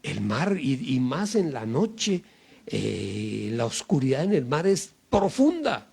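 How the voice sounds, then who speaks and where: A male pastor giving a sermon, preaching slowly and emphatically, pausing often and filling gaps with hesitant fillers. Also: medium pitch, big pitch swings, vocal fry, darkish tone, breathy edge. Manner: slow, emphatic preaching with many pauses and fillers.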